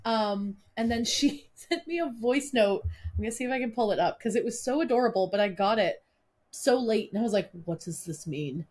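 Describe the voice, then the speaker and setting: A woman's voice: fairly high pitch, fairly quick, darkish tone. Playful woman co-hosting a casual chat. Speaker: podcast co-host. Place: small office with a fan running.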